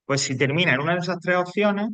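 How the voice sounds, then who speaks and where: A man's voice: high-pitched, fast, a bit bright, no echo. A man from teaching a grammar lesson, explaining patiently, repeating points and checking in with his students. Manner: explanatory, repeats himself, frequent tag questions.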